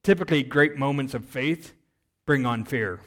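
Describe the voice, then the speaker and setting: A man preaching a sermon on missions, telling stories with energy that swings between loud emphasis and quiet. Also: medium pitch, moderate pace. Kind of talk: sermon with storytelling.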